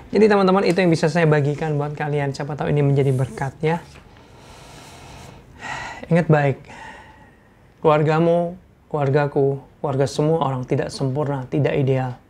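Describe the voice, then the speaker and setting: A man giving an informal sermon-style talk, earnest and repetitive for emphasis, asking his audience questions and clearing an irritated throat. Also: a little high, darkish tone, slight background noise.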